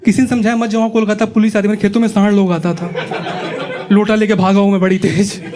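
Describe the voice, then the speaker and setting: A young male comedian from Uttar Pradesh performs stand-up on a club stage. His voice sits high, and he chats with the crowd and acts out the people in his stories. A live audience laughs loudly behind him. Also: little pitch movement, quick pace. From Uttar Pradesh, India. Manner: chatty, teasing the audience, acting out quoted people.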